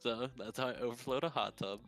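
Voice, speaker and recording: A man's voice: medium pitch, brisk, a bit bright, faint music behind. A young man co-hosting a podcast, telling a work story in a casual, rambling way and laughing at himself. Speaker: podcast co-host.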